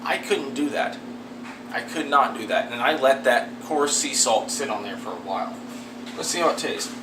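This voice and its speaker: A man's voice: medium pitch, normal speed. An American man, around his thirties, chatting casually to camera as he cooks, in a laid-back, candid way with some swearing. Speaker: amateur cooking vlogger. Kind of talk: casual chat, talking through cooking to camera. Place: small home kitchen, indoors. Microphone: camera a step or two away. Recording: roomy, distant camera mic, noisy hum.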